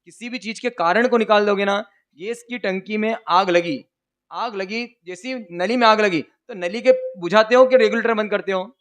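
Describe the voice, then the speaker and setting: A male preacher giving a sermon, telling lively stories, asking the audience questions and chanting vows in a rhythmic recitation. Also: sits high, normal speed. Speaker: religious preacher. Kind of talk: sermon with storytelling.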